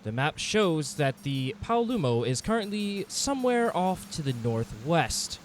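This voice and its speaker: A fairly high, sing-song male voice unhurriedly narrates a monster-hunting game in the first person, telling it dramatically as a scripted adventure. Music plays behind him, with slight background noise.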